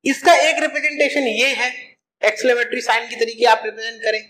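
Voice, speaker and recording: A man's voice: extremely high pitch, fast talker, pushed and bright, roomy sound, rough recording. A man teaching a math lesson, explaining step by step and asking and answering his own questions.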